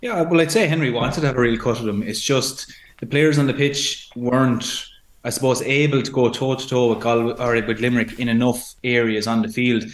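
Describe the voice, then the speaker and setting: A man's voice: mid-range voice, fairly even intonation, a little fast. A man with an Irish accent giving casual sports analysis as a pundit. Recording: echoey room sound.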